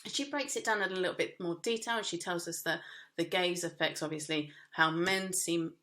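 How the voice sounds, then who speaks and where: A woman's voice: fairly low pitch, normal speed, fairly bright tone. A woman teaching a media studies lesson, explaining casually with frequent fillers and restarts. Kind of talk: recorded lesson.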